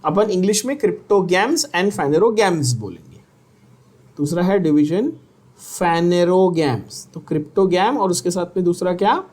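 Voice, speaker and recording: Man, unhurried, biology lecture, quizzes students, repeats key words. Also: sits high, animated, darkish tone, breathy edge. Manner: slow, repeats terms and asks students to repeat. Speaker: biology teacher. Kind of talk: exam-prep lecture.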